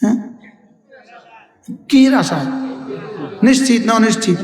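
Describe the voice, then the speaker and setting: High-pitched preacher in an echoing hall. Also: male voice, lively intonation, measured pace. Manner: call-and-response, asks crowd to repeat; rhythmic chanting of Arabic phrases. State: tired. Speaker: Islamic preacher. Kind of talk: Bengali waz sermon. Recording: echoey hall with long reverb.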